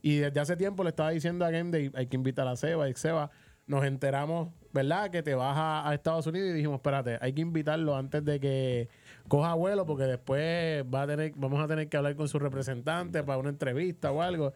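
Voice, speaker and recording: A Puerto Rican-accented radio host talks fast in a fairly high, steady, slightly mellow voice. Conducting a relaxed sports interview from his booth, he chats freely and frequently repeats words as he works out what to say.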